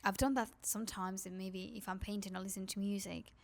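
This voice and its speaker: A native Spanish speaker from Spain, this woman vlogs to camera with a Spanish accent, her medium-pitched voice steady, creaky and fast. Her chat rambles and confides, heavy with "like".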